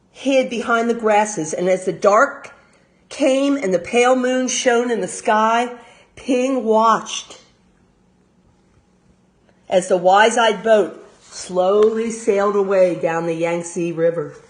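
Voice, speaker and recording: Here a mid-range American female voice reads a children's story aloud like a teacher of young kids. She's expressive and pauses to offer easy explanations along the way.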